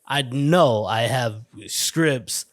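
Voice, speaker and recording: A man's voice: mid-range voice, extremely slow, dry recording, studio quality. A man hosting his own podcast, rambling and swearing through a casual solo rant full of fillers and restarts. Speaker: podcast host. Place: indoor room with a window.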